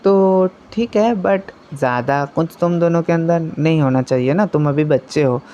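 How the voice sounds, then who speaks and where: Man playing a knowing, indulgent mom; warm-ish, muffled mic. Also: a little high, moderate pace, slight background noise, close to an everyday voice. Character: knowing, amused middle-aged mother. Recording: muffled lo-fi recording.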